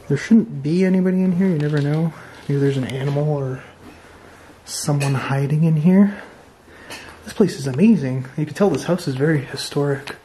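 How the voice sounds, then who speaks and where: A man hosting an exploring vlog, walking through an abandoned farmhouse and reacting with excited, wondering remarks into his camera mic. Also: fairly high pitch, a little hiss or hum. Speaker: urban explorer host. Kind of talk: walkthrough vlog narration. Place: abandoned stone farmhouse, indoors.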